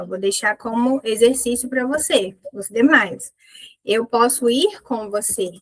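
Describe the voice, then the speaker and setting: A woman with a Brazilian Portuguese accent teaching an English lesson, lively, slowly drilling English example phrases with stress. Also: a little high, no room sound, poor audio.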